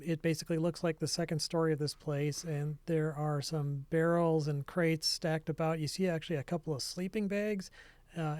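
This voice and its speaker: A man narrating a tabletop game as game master, describing scenes in a relaxed, thinking-aloud way. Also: a little high, dry recording.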